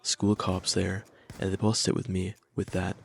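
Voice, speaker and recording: A young man recounts his story in a wry, slangy storytime style. His voice is low and gravelly, with faint noise behind it. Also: completely flat delivery, unhurried. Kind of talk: scripted storytime narration.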